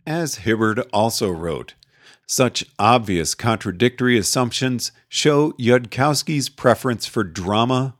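A man narrating an essay as an audiobook reader, measured and dry with wry asides. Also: lowish voice, no room sound.

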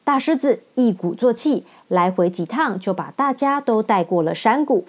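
A woman storyteller narrating a children's story in a gentle, expressive read-aloud style. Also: medium pitch, normal speed.

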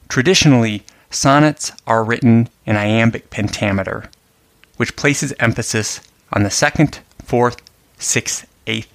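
A male host reads a sonnet aloud in a measured, careful way, then talks through its meter and imagery as literary commentary. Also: on the low side, creaky, fairly bright tone, no echo. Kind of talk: poetry reading and literary commentary.

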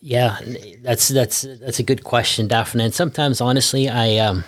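A man in his fifties from Norway, a guest physician speaking reflectively with many pauses and fillers. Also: medium pitch, steady tone, no room sound, clean studio sound. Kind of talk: podcast interview.

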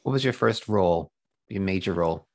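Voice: sits low, a little fast. A host interviewing a guest, asking short, direct questions.

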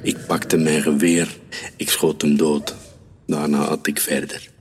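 A man reading a children's story aloud in a calm, measured way. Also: rumbling low, breathy edge. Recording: reverberant room with soft music.

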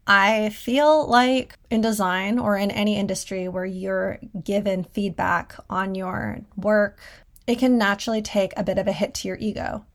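A woman's voice: mid-range voice, fairly even intonation, moderate pace. A woman hosting a solo podcast from her closet at home, talking casually and conversationally with a self-deprecating streak. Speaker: podcast host and designer. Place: small clothes closet at home.

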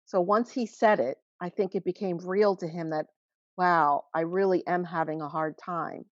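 A woman in her forties speaks as a guest about her family, earnest and halting, often restarting her thoughts. Her voice sits fairly low. The recording is dry and a little muffled. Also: no room sound. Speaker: guest, mother of a teen who vaped. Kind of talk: emotional personal account in interview.

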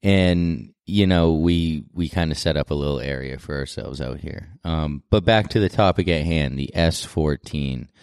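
A man's voice: rumbling low, normal speed, vocal fry, hardly any pauses, darkish tone, clean tone, no echo. A man hosting a casual podcast chat, recorded in a garage.

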